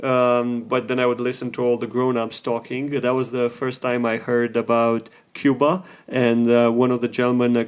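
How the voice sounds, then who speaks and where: In a casual interview, a visiting Romanian professor speaks in a measured way, pausing often between phrases. His voice is medium-pitched, fairly flat, clear and resonant.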